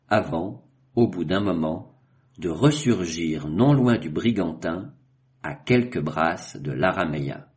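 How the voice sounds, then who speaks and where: Low, slow-reading male narrator. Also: darkish tone. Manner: measured, literary storytelling. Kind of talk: scripted narration.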